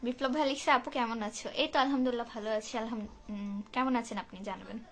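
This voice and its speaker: A woman's voice: a little high, steady tone, fast. A woman from Bangladesh, hosting a live stream and chattily reading out and answering viewers' comments. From Santahar, northern Bangladesh. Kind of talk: casual live-stream chat.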